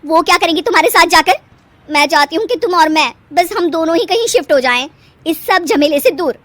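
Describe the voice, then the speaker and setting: A woman voicing a spoiled, quarrelsome young wife who complains loudly and tearfully in a storybook tale. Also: animated, brisk, no room sound. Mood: coaxing. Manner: shrill, loud, tearful complaining. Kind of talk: storybook voice acting.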